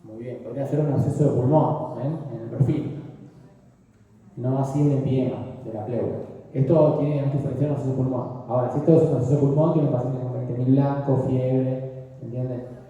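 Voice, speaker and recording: A man's voice: medium pitch, steady tone, a little fast, dark tone. An older man giving a medical radiology lecture, explaining slides and often checking that his students follow. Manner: explanatory, frequently checks understanding with "¿sí?". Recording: distant, dull echoey room.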